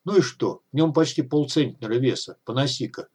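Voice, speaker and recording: Easygoing young soldier voiced by a man, chatty, casual, husky, audiobook. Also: medium pitch, animated, fairly quick, darkish tone.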